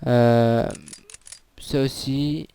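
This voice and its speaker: A young man giving a casual, halting tutorial on a shooter game while he plays, with many fillers. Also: medium pitch, steady tone, warm tone, clean tone. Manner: hesitant, many fillers, talks while playing. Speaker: gaming video creator. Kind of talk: casual gameplay tutorial commentary.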